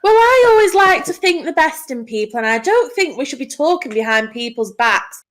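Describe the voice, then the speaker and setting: A woman at a tabletop game speaks hesitantly and repeats her words. Her voice is high and lively, and she is heard from some way off the mic. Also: moderate pace. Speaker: player.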